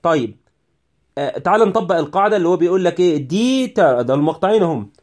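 A man's voice: a little high, animated, rapid-fire, darkish tone. A man with an Egyptian Arabic accent giving a recorded English spelling lesson, often checking "right?" with his students and urging them to focus. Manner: repetitive, checks understanding with "right?"; prays for and urges students. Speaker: English teacher.

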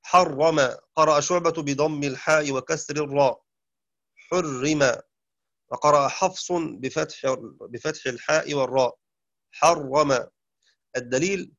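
A man teaching a lesson in a measured, explanatory way, now and then chanting short recited passages. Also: on the high side, fairly bright tone, dry recording. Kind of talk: lecture. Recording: dull, dry lo-fi sound.

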